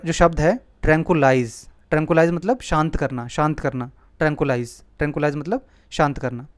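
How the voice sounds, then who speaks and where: A man's voice: on the high side, no echo. A man teaching vocabulary with memory tricks, explaining patiently and often checking with "ठीक है?". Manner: explanatory, repeats words, asks "ठीक है?". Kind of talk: mnemonic vocabulary lesson.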